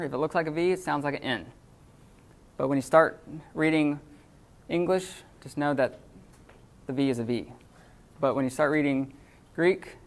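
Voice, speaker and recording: A man teaching a classroom lesson off the cuff, halting with many fillers and restarts. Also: fairly high pitch. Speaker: Greek teacher.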